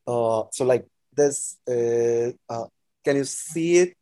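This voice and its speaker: A man with a North Indian accent and Hindi as his first language speaks in a dry, slightly dark voice. He talks casually as an interview guest, feeling his way through sentences with repeated phrases. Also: medium pitch, takes it slowly, no echo. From New Delhi, India. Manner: hesitant, repetitive phrasing with frequent "like".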